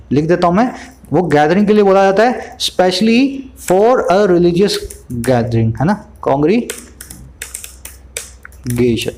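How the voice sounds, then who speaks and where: A man with an Indian accent, teaching as an English tutor. He reads English sentences slowly, then explains them with strings of synonyms and quick rhetorical questions. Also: high-pitched, a little mellow. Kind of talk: explaining newspaper vocabulary.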